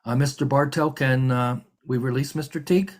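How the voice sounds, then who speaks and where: A man's voice: medium pitch, steady tone, fairly quick. A man working as a hearing examiner, running formal proceedings over a video call in a polite, methodical way with frequent fillers and restarts.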